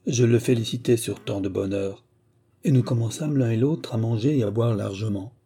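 A man narrating memoirs as an audiobook, in a measured storytelling delivery. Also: mid-range voice, warm tone, slight background noise.

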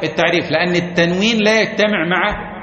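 A man teaching an Arabic grammar lesson to a class. He reads a passage aloud, explains it, asks his listeners questions, and slowly chants verses and example words. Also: sits high, fairly bright tone. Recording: echoey hall, muffled lo-fi sound, audience present.

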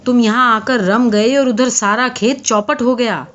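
A woman's voice: a little high, steady tone, fairly bright tone, close to an everyday voice. A woman voicing a farmer's wife who scolds her husband in a told story. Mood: scolding. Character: scolding peasant wife, worried and sharp. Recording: dull lo-fi audio.

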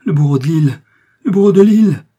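A man's voice: fairly high pitch, expressive, fast, mellow, husky, voice pushed up. A man voicing a terrified, cornered female poisoner who shrieks and pleads in a storybook reading.

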